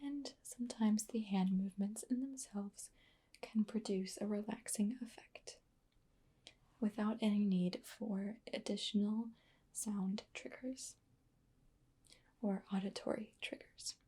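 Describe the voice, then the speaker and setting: A woman whispering softly through an ASMR roleplay, pausing often with fillers as she explains each trigger. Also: medium pitch, breathy edge. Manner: soft whispering with frequent fillers. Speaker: ASMR artist.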